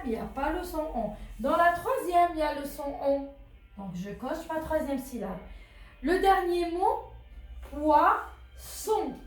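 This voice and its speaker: A woman teacher patiently walking children through a phonics exercise, repeating words and asking questions as she goes. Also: high voice. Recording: very echoey room with faint music.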